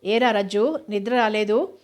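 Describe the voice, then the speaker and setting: A woman's voice: mid-range voice, a little slow, darkish tone, lightly acted. A woman reading the lines of a joking husband in a storybook, speaking in a mock-formal way.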